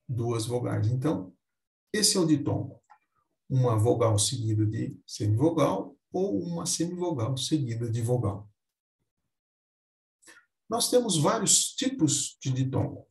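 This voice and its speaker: A man teaching a Portuguese grammar lesson, speaking slowly and deliberately and stressing each example word. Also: medium pitch, vocal fry, a little mellow, roomy sound.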